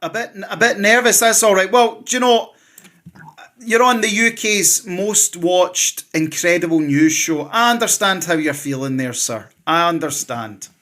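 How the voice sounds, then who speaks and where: Male internet show host, notably high voice, teasing and repetitive, running a casual live interview. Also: a little slow, sharp tone. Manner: repeats phrases, teasing, addresses guest as sir. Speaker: online news show host.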